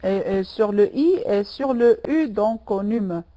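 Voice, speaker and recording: A woman's voice: mid-range voice, expressive, slow, warm tone, poor audio. A woman teaching a French lesson online, patiently repeating words and correcting students by name.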